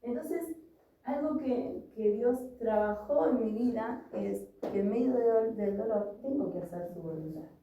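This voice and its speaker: A woman's voice: a little high, a little slow, mellow, a little hiss or hum. A woman preaching a sermon, earnestly telling a personal story and reading scripture. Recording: echoey room, voice from a distance.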